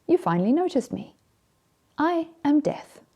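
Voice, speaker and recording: A storyteller voicing Death as a calm, kindly, matter-of-fact male figure who gently teases, in a children's storybook. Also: high voice, measured pace, voice pushed up, heavily acted. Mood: composed.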